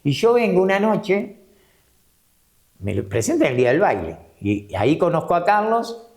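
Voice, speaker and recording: A man's voice: sits high, normal speed. A man, a former dance-hall presenter, telling anecdotes as a guest and acting out what others said, often laughing. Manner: animated, laughs often, acts out other people's lines. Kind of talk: anecdotal storytelling.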